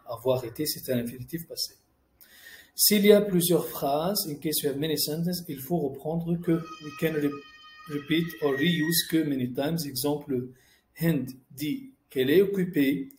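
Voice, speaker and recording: A man's voice: on the high side, darkish tone. A man teaching French grammar, explaining each rule in French and then in English and reading out example sentences. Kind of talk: classroom-style grammar lesson. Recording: echoey room.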